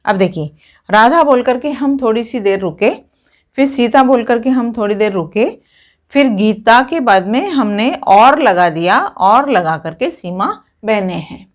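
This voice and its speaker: Woman, somewhat high-pitched, grammar teacher, step-by-step explanations, repetitive openers. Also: expressive, unhurried. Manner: explains step by step, repeating a stock opener before each point. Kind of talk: classroom grammar lesson.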